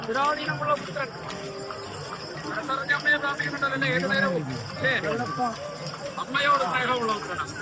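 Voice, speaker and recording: A man's voice: very high voice, fairly even intonation, a little fast, long pauses, very noisy. A man with a Kerala accent speaking as a possessed oracle, exhorting and blessing devotees in repeated set phrases.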